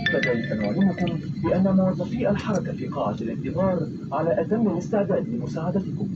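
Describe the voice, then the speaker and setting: Man, crew member, cabin PA announcement, very fast delivery, formal, loud engine noise behind. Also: a little high, muffled recording. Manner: brisk, formal. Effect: aircraft cabin PA loudspeaker. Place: airliner cabin after landing.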